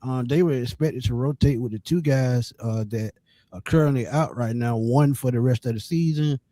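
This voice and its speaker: A man hosting a sports show, explaining a team's roster in casual, measured talk. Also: medium pitch, warm tone, no echo. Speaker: sports podcast host.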